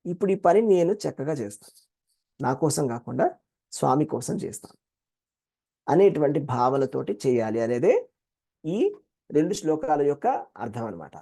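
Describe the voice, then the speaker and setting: A man with a Telugu accent leads a devotional class, animated and expressive, often slipping into quoted voices. His voice sits a little high for a man, with a mellow, warm tone. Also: a little fast, creaky. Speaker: Gita teacher.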